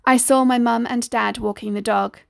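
Woman reading an audiobook story, slow and steady, kinda high, gravelly, dry close sound. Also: dry recording. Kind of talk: scripted audiobook narration.

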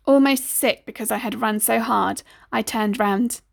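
Woman reading an audiobook story, slow and steady, kinda high, gravelly, dry close sound. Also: dry recording. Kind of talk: scripted audiobook narration.

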